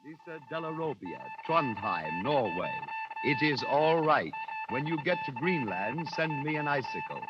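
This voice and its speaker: A man's voice: medium pitch, very animated, measured pace, muffled recording. A man reading telegrams in a dry, wry manner in a 1940s radio drama. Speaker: reader of telegrams. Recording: old radio broadcast under loud music.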